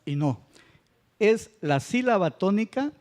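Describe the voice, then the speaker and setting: Slow, patient male grammar teacher. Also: sits high, expressive, a little mellow. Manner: patient, checks understanding with tag questions. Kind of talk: classroom lecture. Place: church classroom.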